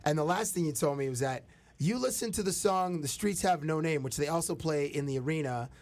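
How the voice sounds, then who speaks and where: A man's voice: fairly high pitch, fairly quick, a little mellow, no echo. A man hosting a casual podcast interview, laid-back and joking, with plenty of slang. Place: Toronto.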